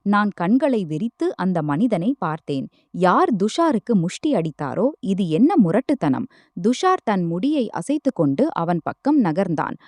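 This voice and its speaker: A woman's voice: medium pitch, sing-song, normal speed, dry recording. A woman narrating a first-person romance story, reading every character's lines in her own voice.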